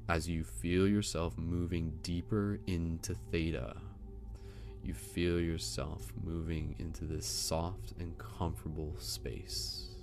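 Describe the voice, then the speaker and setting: A man with a very deep voice narrates a sleep meditation in a gentle, soothing manner. His delivery is slow and level, with unhurried pauses between phrases. Prominent music plays behind him throughout. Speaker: meditation guide.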